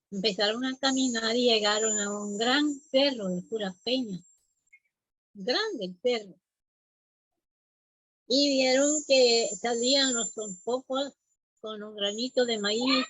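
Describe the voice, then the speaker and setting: A woman telling a traditional folk tale aloud in an unhurried, halting way, often repeating words. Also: a little high, fairly bright tone, dry recording, low-quality recording. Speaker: storyteller.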